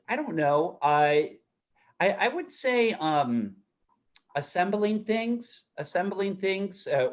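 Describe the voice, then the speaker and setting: A man co-hosting a comedy show, speaking in a hesitant, mock-earnest way and repeating words. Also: high voice.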